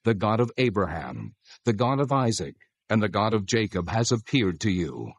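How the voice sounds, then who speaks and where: A man's voice: lowish voice, very animated, moderate pace, slightly rough, no echo, full character voice. An actor playing God as a solemn, commanding male deity in a dramatized scripture reading. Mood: instructing.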